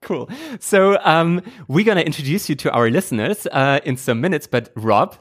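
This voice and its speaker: A man's voice: fairly high pitch, animated, moderate pace. A man hosting a podcast, asking questions in an upbeat, friendly way. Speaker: podcast host. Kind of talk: interview hosting.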